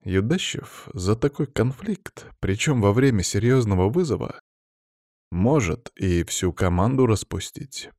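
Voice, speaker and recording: A man narrating a fantasy audiobook in the first person with steady, measured storytelling. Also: on the low side, dry recording, studio quality.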